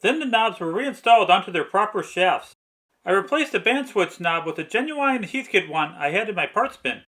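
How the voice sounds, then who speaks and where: Speaking at a normal speed, a man with a high-pitched, animated, somewhat bright voice narrates a radio restoration video. He reads a methodical, step-by-step script in exact phrasing.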